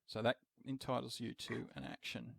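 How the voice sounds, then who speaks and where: A man's voice: medium pitch, little pitch movement, moderate pace, creaky, fairly bright tone, no echo. A man running a tabletop role-playing game as game master, patiently explaining the rules and laughing easily.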